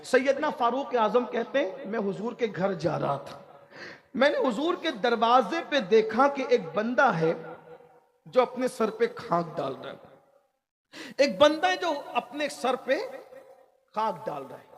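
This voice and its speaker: A man preaching an emotional sermon story, repeating phrases and swinging between hushed and loud. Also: extremely high pitch, sing-song, measured pace. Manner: impassioned, repetitive, swings between hush and loud.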